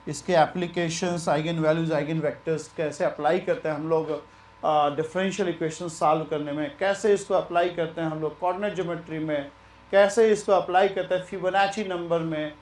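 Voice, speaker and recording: A man teaching maths in a relaxed, chatty way, mixing Hindi and English and repeating himself. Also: a little high, normal speed, roomy sound. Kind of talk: lecture.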